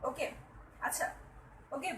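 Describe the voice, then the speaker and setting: A woman's voice: slow pace, a bit bright, reverberant, distant mic, slight background noise, rough recording. A young woman teaching a chemistry class live online, repeating each step and often asking whether the students follow.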